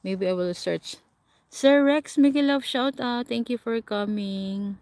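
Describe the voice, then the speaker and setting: A fairly high, slightly mellow voice, a little slow, belongs to a Filipino livestream host with a Filipino accent. She talks casually with viewers, replies to their comments, and often laughs. The audio comes from a camera or phone mic set a short way off.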